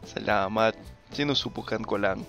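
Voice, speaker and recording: A man in his twenties from Canada chatting casually in choppy, deliberate phrases, with a non-native Tagalog accent. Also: lowish voice, creaky, fairly bright tone, faint music behind. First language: English. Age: 20s. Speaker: video maker talking with strangers online. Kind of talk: casual chat.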